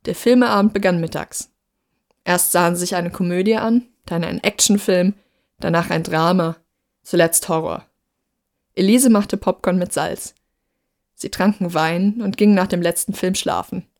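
Woman reading a story out loud, slightly low voice, steady and even. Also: normal speed. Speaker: narrator. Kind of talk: scripted story narration.

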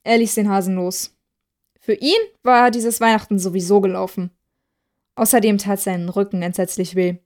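A woman reading a children's Christmas story aloud in an even, clearly paced storytelling voice. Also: mid-range voice, normal speed. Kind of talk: scripted story narration.

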